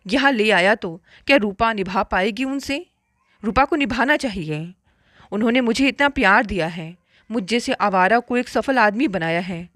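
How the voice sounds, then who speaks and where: A woman narrating a family story in steady first-person reading. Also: a little high, no room sound, studio quality.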